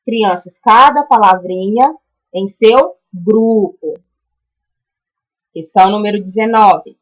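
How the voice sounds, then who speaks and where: A Brazilian woman teaching a primary school class in a recorded lesson, walking through each exercise patiently and stretching out example words slowly. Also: medium pitch, a bit bright, rough recording. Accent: Brazilian Portuguese. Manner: patient, explains step by step and checks in with "tá?".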